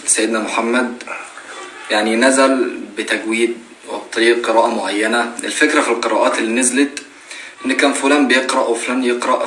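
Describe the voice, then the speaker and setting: A man's voice: mid-range voice, fairly bright tone. A young man in his twenties with an Egyptian Arabic accent, giving earnest casual religious advice on a live stream and asking rhetorical questions. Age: 20s. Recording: roomy echo, faint noise.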